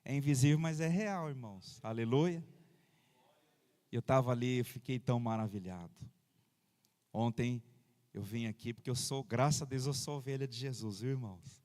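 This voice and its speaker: A man's voice: medium pitch, moderate pace, a little mellow. A man, a pastor preaching a sermon in a church in a chatty, personal way, with frequent amens and hallelujahs, into a handheld microphone. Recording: reverberant church hall.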